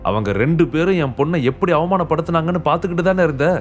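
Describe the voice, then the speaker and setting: A man voicing an arrogant, middle-aged rich father who shouts orders in anger, in an audiobook. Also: a little high, fast talker, soft background music, pitched above the performer's own voice, close to an everyday voice. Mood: furious. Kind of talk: audiobook character voice.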